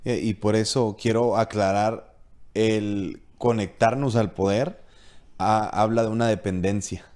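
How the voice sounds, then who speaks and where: A man with a fairly low voice talks through a casual faith podcast. He is earnest and confessional, and he slips English words into his Spanish. He often stops and restarts his sentences as he searches for what he wants to say. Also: steady tone, unhurried, a little mellow. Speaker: podcast co-host.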